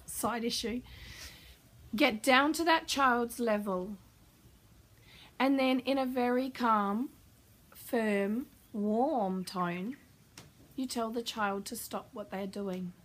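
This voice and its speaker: A woman parenting coach answering a viewer's question, explaining calmly and warmly. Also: on the high side, rough recording. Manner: calm, warm explanatory advice.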